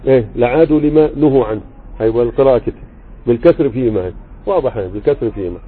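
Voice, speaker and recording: A husky, medium-pitched man with an Egyptian Arabic accent leads an online grammar class as a religious teacher. Reading a text and talking through it informally, he frequently makes sure his students keep up. His audio sounds thin and phone-like.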